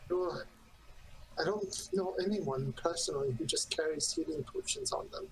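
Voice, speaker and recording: A woman's voice: fairly low pitch, huge pitch swings, moderate pace, low-quality recording. A woman taking part in a tabletop game as a player, with casual role-play. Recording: faint room noise.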